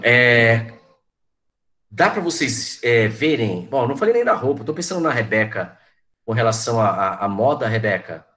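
Chatty teacher in his forties, low voice. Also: a bit bright. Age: 40s. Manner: chatty, reminiscing, addresses students by name. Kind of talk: online class talk.

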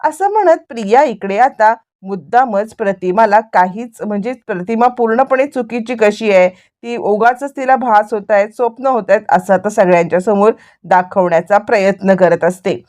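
A woman narrating a spoken story recap in a lively way, with frequent fillers and restarts. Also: medium pitch, normal speed.

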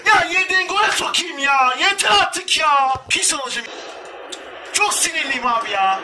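A young man commentating his football video game, shouting and swearing in frustration at his players. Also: very high-pitched, animated, normal speed, recorded from a distance, background noise. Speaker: gamer. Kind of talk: excited gameplay commentary.

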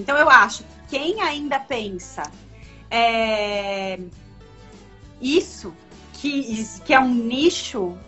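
Her voice is high, a bit bright and slightly rough: a comics editor from Brazil, in her thirties, interviewed casually over video call from a room at home. She's emphatic, with plenty of fillers and restarts, and the laptop webcam leaves the audio dull and lo-fi.

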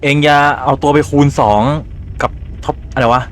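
A man's voice: medium pitch, level tone, normal speed. A man with a Thai accent and a slight cold, casually commentating a horror game, swearing and reading game lines aloud. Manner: chatty, swears casually, reads game dialogue aloud in his own voice. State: has a cold, phlegmy throat. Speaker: gaming YouTuber. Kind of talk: casual let's-play commentary.

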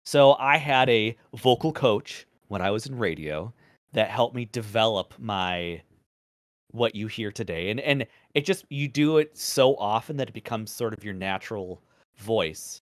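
Man with a low, trained radio voice. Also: animated, no room sound, studio quality. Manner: measured, deliberate delivery, speaks from the diaphragm; casual swearing. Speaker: podcast guest, former radio presenter. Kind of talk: casual podcast chat. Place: podcast recording.

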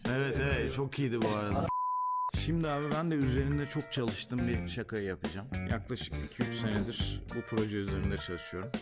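A man's voice: medium pitch, a little fast, loud music behind the voice. A man reading out joke questions and bantering as a comedy quiz contestant. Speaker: comedy game show contestant. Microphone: studio desk microphone.

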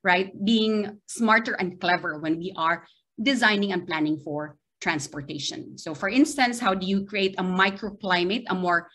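This middle-aged university lecturer, from the Philippines and speaking with a Filipino accent, gives a seminar in a small video-call window. Her mid-range, fairly bright voice moves at a moderate pace, hesitant and punctuated by frequent "right?".

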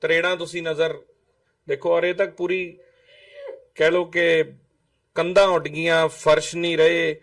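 A man's voice: on the high side, little pitch movement, a little slow, pauses often, recorded from a distance. Earnest male field reporter. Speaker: reporter and interviewer. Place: outdoors at a flood-damaged house.

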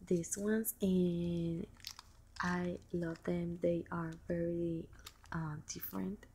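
A woman talks slowly and softly through a craft haul, with a low voice and plenty of ums. Plastic packaging crinkles and rustles clearly behind her. She is recorded indoors at a table by a camera looking down at her hands. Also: little pitch movement, noisy background. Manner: soft, unhurried, fond, with many ums and small laughs. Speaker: crafting vlogger showing a shopping haul. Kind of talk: casual show-and-tell. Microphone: camera pointed down at table.

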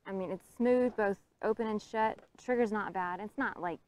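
A woman's voice: medium pitch, moderate pace, a little mellow, slight background noise. A woman test-firing a rifle at an outdoor range, giving brief, matter-of-fact remarks in casual chat. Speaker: shooter testing the rifle. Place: open-sided tent at an outdoor desert range.

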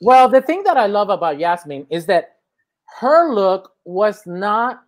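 A man's voice: high voice, very animated, unhurried. A man with a Spanish accent hosting a casual chat show, playful and rambling with theatrical flair, over a video call. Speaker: host.

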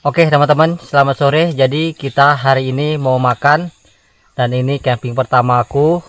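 A man's voice: medium pitch, steady tone, normal speed. A man in his thirties chatting casually to viewers while camping by a river in a forest. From Indonesia. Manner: chatty, addresses viewers as guys. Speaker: vlogger. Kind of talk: casual outdoor vlog talk. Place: forest camp by a river, outdoors.

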